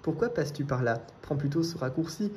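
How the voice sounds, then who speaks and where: A man reading aloud and voicing a sly, hungry wolf from a children's tale, smooth and falsely friendly. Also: fairly high pitch, animated, a little fast, a little mellow, a little hiss or hum, natural voice. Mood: scheming.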